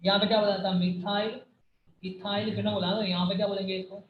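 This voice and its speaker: A man's voice: sits high, level tone, fast, slight background noise. A man teaching a chemistry class, quizzing his students and repeating answers, sometimes scolding them. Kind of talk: classroom lecture. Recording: far, echoey, phone-like room recording.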